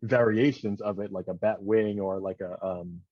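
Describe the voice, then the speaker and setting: Animated man rambling, lo-fi dry sound. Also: fairly low pitch, moderate pace, no room sound. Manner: animated, rambling with many restarts and "like". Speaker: podcast co-host. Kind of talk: casual chat.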